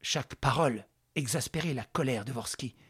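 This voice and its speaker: A man narrating a radio drama in a measured, dramatic storytelling manner. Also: mid-range voice, slightly rough.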